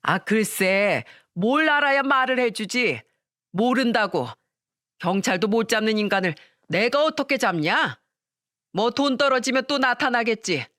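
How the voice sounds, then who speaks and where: A narrator voicing a shameless middle-aged mother-in-law who shouts defiantly for a storytelling radio piece. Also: mid-range voice, expressive, unhurried, no echo, studio quality, pitched above the performer's own voice. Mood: brazen, scornful.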